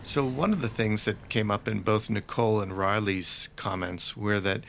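A man co-hosting a philosophy podcast, explaining ideas in a measured way. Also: lowish voice, creaky, a bit bright, slight background noise. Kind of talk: conversational philosophy discussion.

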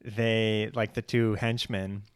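A young man co-hosting a casual film chat, relaxed and talkative with many fillers and easy laughter. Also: lowish voice, takes it slowly, clear, resonant tone. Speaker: podcast co-host.

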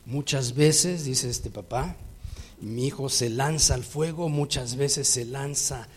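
A man with a Mexican Spanish accent preaches a sermon, telling a personal story in a lively way and acting out the dialogue. His mid-range voice has a breathy edge, and he takes it slowly.

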